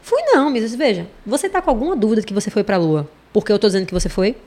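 A woman school psychologist, a podcast guest, explaining her points quickly with frequent tag questions. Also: medium pitch, very animated, mellow. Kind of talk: casual conversational podcast.

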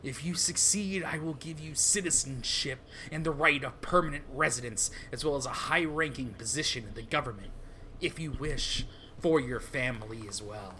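A man voicing a grim, stoic male soldier-assassin in a manga read-along, with stiff, solemn, measured delivery. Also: medium pitch, pushed and bright, slight background noise, close to an everyday voice, low-quality recording.

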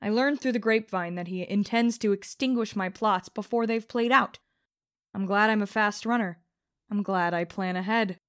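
A woman's voice: mid-range voice, moderate pace. A woman narrating an audiobook in the first person as a vengeful young rebel, bitter and contemptuous.

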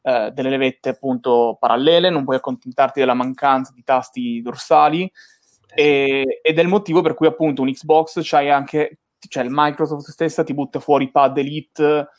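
A man's voice: mid-range voice, fairly even intonation, moderate pace, no room sound. A man giving his opinions casually in a gaming talk, in a rambling way with frequent checking tags, speaking into a close microphone. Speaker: panelist on a video game talk show.

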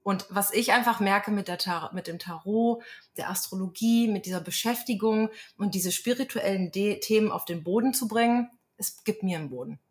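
A woman from Germany, an astrologer and tarot reader, a guest in an interview, telling stories in an animated way with frequent fillers. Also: mid-range voice, normal speed. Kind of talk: casual interview conversation.

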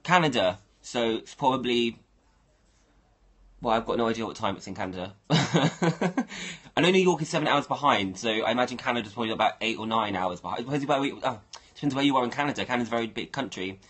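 Husky-voiced man chatting on a livestream. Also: mid-range voice, expressive, fast talker, fairly bright tone. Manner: rambling, thinking aloud to viewers. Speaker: livestream host. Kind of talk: casual livestream chat.

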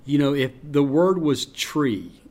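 A man with a deep voice, a public address announcer from North Carolina, telling stories in an interview. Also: expressive, slow, warm tone. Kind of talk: interview conversation.

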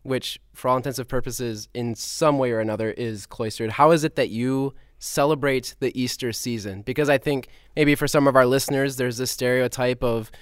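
A man's voice: mid-range voice, steady tone, moderate pace, hardly any pauses, clean tone, no echo. Male co-host, informal and easygoing questioner, casual delivery, dry recording. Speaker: podcast co-host. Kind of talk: casual conversational interview.

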